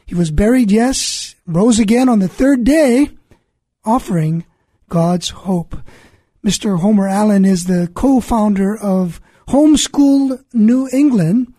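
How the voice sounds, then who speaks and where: Mellow, husky male radio host. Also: high-pitched, slow, dry recording. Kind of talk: scripted radio introduction and interview.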